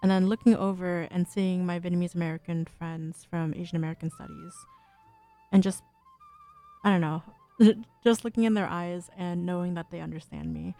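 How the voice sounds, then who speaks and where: A young woman hosts a college radio show, chatting casually between songs in a fairly low, gravelly, dark voice with wide pitch swings and normal speed. She giggles often and says "um" a lot, with faint music in the background.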